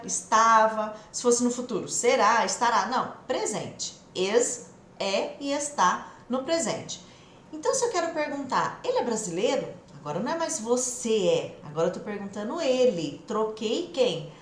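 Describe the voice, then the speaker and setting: Casting: lively Brazilian woman, English teacher, repeats phrases for practice, echoey room. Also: a little high, slight background noise. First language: Portuguese. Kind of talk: live online English lesson.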